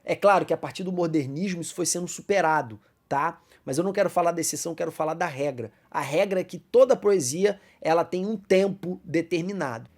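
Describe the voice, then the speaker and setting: A man with a Brazilian Portuguese accent teaching a Bible class lesson, explaining step by step, calling listeners brothers and slowing down to recite verses. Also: fairly high pitch, a little mellow. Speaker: Sunday school teacher.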